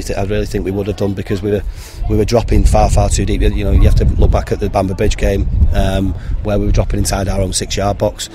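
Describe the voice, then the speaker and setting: Man in his thirties, football manager, low even delivery, frank post-match talk into a handheld mic outdoors. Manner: frank, plain-spoken, many ums and restarts. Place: outdoors beside a football pitch. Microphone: handheld interviewer mic held to him.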